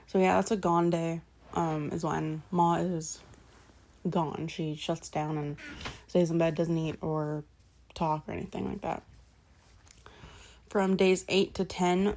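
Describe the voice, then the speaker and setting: A woman's voice: lowish voice, a little mellow, slight background noise. A woman casually retelling a novel's plot as a vlogger, rambling with lots of fillers, backtracking to correct herself and swearing offhandedly. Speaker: book vlogger.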